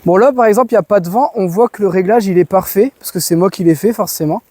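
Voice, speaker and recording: A man's voice: high-pitched, fast, warm tone, dry recording. Upbeat french guy vlogging outside in his garden, dry close sound, lots of casual slang. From France. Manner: chatty, enthusiastic, casual slang. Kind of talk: casual product demo vlog. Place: outdoors in a garden.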